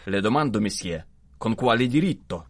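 A man's voice: on the low side, moderate pace, dry recording, natural voice. A man voicing a proud, hot-tempered young diplomat who speaks with indignant emphasis, in a dry, close recording. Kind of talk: audiobook dialogue reading.

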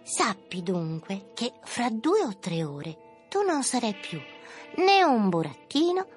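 A small, kindly marmot lady, as a male narrator puts her on, high and soft, consoling in a slow, soothing way. She gently lectures like a wise neighbor in a storybook reading. Music plays underneath. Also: very animated, exaggerated voice.

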